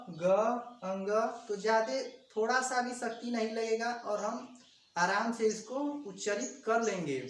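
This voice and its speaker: A grammar teacher giving an exam-prep video lesson, explaining step by step and sounding out letters slowly, addressing viewers as friends. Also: mid-range voice. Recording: echoey room, distant mic, faint background hum.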